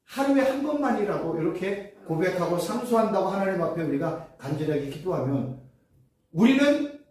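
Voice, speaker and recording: A woman theology professor with a fairly low, darkish voice speaks at normal speed with big swings in pitch. Her emphatic, sermon-like Bible lecture is full of repetition and rhetorical questions, recorded from a distance in an echoey room.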